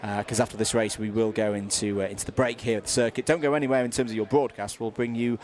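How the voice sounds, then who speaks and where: A man's voice: lowish voice, fairly even intonation, fast, a little mellow. A man with a British accent doing live karting commentary, chatty, with many fillers and restarts.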